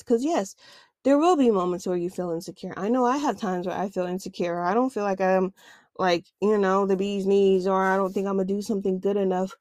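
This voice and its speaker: A woman's voice: medium pitch, darkish tone, no room sound, studio quality. A woman hosting a self-help podcast, talking candidly and casually with slang. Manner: candid, conversational, uses slang. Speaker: podcast host.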